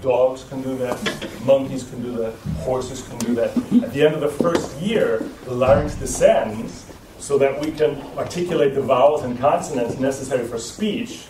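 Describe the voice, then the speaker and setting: A man's voice: mid-range voice, normal speed, background noise. Man lecturing in an echoey room. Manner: explanatory, with frequent restarts and checking "right?". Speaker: voice trainer. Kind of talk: live lecture to a group. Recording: echoey room recorded from a distance.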